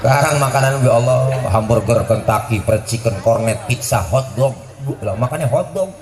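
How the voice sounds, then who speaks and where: Joking preacher before a laughing crowd. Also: male voice, medium pitch, moderate pace, reverberant. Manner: joking, teasing, lively storytelling. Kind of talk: comedic sermon to young people. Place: community religious gathering. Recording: noisy live event with crowd laughter.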